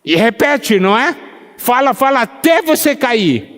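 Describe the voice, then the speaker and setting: A man preaching a sermon who slows down to stress scripture and asks the congregation questions, pausing for their answers. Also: very high voice, big pitch swings, a bit bright. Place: church meeting hall. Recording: long hall reverb.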